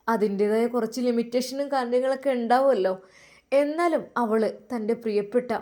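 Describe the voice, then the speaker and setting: A woman's voice: on the high side, dark tone. Earnest woman narrating a story. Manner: earnest, emotive.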